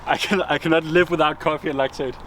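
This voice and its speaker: A young man chatting casually in a vlog about his training day, relaxed and hesitant with frequent ums. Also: a little high, fast, reverberant, crowd noise. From Denmark. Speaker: professional triathlete vlogging. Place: outdoors near roads. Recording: outdoor traffic noise.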